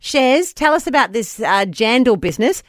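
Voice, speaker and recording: Lively Australian woman radio co-host. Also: fairly high pitch, moderate pace, dry recording, studio quality. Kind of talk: casual radio chat.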